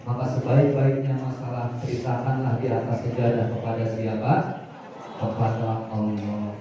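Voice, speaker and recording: A man preaching a lively Islamic sermon in a mosque. He poses call-and-response questions, jokes with the audience and sings short prayers. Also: mid-range voice, moderate pace, a crowd in the background. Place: mosque gathering. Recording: echoey mosque hall from far off, dull sound.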